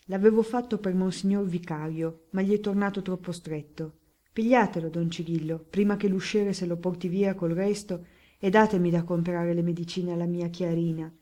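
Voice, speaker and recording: A woman's voice: lowish voice, fairly even intonation, moderate pace, warm tone, lightly acted. A woman voicing a poor, desperate middle-aged male hatter who begs insistently for help. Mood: pleading. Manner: pleading, insistent.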